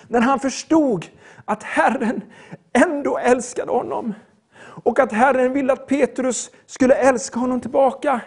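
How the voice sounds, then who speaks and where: An older man preaching a sermon in an earnest, emphatic way, mixing slow solemn points with quicker storytelling. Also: very high-pitched, darkish tone.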